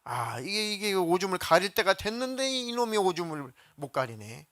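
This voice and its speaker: A male pastor delivers a Sunday sermon in a church, telling stories and acting out the people he quotes. His voice sits a little high, with a bright, forceful edge. The recording is dry, with little room sound. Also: sing-song, moderate pace, dry recording. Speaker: senior pastor. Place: church sanctuary.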